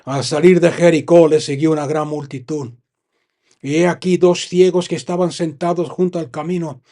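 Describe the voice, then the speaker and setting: A Spanish-accented man from Spain delivers a sermon, alternating between reading scripture and stopping to stress what it means. His voice sits a little high yet sounds mellow and warm. He often lets phrases fall away quietly at the end. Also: steady tone, normal speed. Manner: reads scripture, then stops to comment and stress points. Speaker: pastor.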